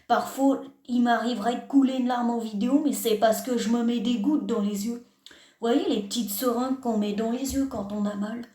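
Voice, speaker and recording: A woman's voice: on the high side, warm tone. A young woman, a YouTuber, reading a comment aloud and answering it with mock self-deprecating sarcasm in a casual vlog. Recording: echoey room.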